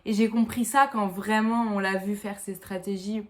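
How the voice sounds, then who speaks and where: A woman's voice: medium pitch, steady tone, moderate pace. A French woman giving a casual spoken film review in a chatty way, slipping English words into her talk. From France.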